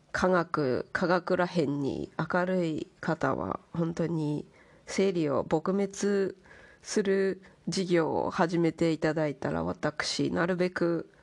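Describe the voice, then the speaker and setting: This woman host has a fairly low, gravelly voice and chats casually to listeners in a monologue, playfully mimicking the ornate, courteous speech of a refined lady.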